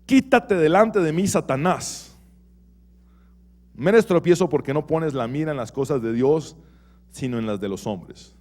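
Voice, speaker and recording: A man's voice: medium pitch, normal speed, warm tone, lightly acted. A man voicing Jesus as a stern, commanding adult man who declaims his words with emphasis. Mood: stern rebuke.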